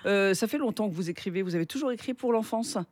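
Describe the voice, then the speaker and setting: A woman hosting a lively, chatty talk show from a radio studio. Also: medium pitch, fast talker, a little hiss or hum. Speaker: radio host. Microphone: studio microphone.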